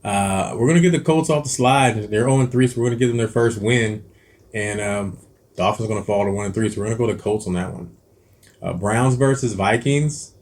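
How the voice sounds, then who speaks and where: Eating as he talks, a cooking-channel host runs through football picks in a brisk, low-leaning voice with a darkish tone. He rambles and hesitates, filling the chat with ums, restarts and self-corrections.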